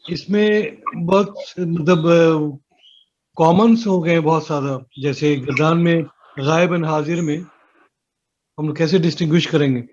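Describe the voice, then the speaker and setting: A man's voice: on the high side, fairly even intonation, a little mellow, lo-fi sound. A man asking his teacher a question in an online class, hesitant and searching for words. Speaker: student.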